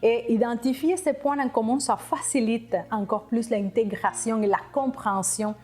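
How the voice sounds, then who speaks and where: Lady telling her story, slightly high voice, stops and restarts a lot, thinks out loud. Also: moderate pace. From Cuba. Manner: reflective, thoughtful, with frequent restarts. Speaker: interviewee. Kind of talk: personal testimony interview.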